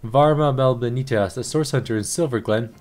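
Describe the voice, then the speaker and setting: A man voicing a grieving middle-aged widow who speaks halting, broken English with odd idioms, over faint game music. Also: mid-range voice, a little mellow, lightly acted. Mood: earnest.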